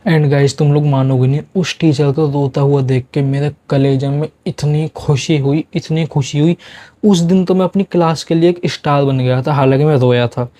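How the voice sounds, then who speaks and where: A young man tells a school story with rising heat, switching now and then into English. His voice sits a little high, with a mellow, darker tone. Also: normal speed. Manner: animated, heated retelling with Hindi-English code-switching. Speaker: vlogger telling a school story. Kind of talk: casual storytime monologue.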